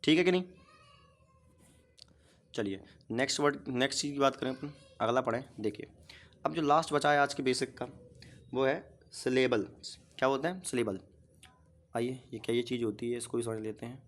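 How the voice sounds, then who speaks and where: A patient male teacher with an ordinary male pitch takes a grammar lesson step by step. He fires off quick quiz-style questions, then answers and repeats each one himself.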